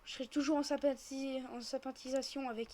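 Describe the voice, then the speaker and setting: This female host of gaming roleplay videos narrates everything she does as she casually improvises a roleplay mid-game, in a chatty manner. Her high voice is level in tone, a little fast and a little mellow. A faint hiss or hum is audible.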